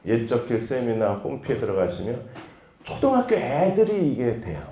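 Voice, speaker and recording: A male pastor giving a church lecture, telling stories in a lively way and acting out the dialogue. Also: mid-range voice, echoey room. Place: church hall.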